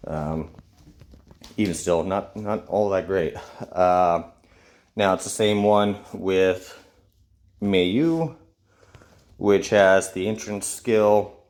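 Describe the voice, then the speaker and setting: A man's voice: sits low, drawn-out words, long pauses, darkish tone. A man with a stuffy nose from a cold, casually reading out and judging game character skills with many fillers. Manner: reads skill text aloud with fillers. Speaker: game reviewer. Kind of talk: casual gameplay commentary.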